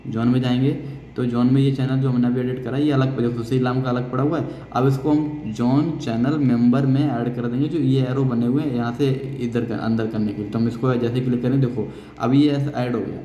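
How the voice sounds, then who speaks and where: Step by step, an Indian technical instructor walks through software hands-on, repeating key phrases as he goes. He speaks fairly quickly in a warm, medium-pitched voice with fairly even intonation, heard distantly in a noisy, reverberant room with the highs cut off.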